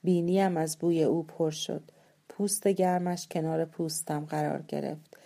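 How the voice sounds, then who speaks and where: A woman reading a novel aloud as an audiobook narrator, calm and measured. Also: deep voice. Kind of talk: scripted story narration.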